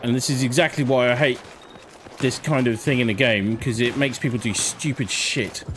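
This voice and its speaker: A man's voice: medium pitch, steady tone, moderate pace. A man doing casual live commentary as he streams his gameplay. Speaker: game livestreamer. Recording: faint game noise behind voice. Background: faint shooter game sounds.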